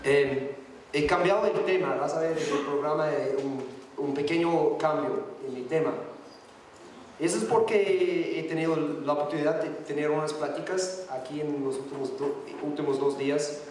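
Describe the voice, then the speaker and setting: A guest speaker gives a conference talk in a large, echoey hall, partly reading from notes in hesitant, halting non-native Spanish. His voice is a little high and a little mellow, recorded from a distance with slight hiss or hum.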